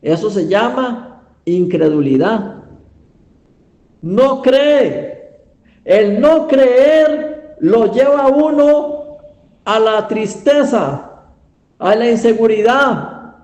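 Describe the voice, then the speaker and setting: Male pastor preaching, high voice, unhurried, emphatic rhetorical questions, echoey church. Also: lively intonation, a little mellow, lo-fi sound. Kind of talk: sermon storytelling.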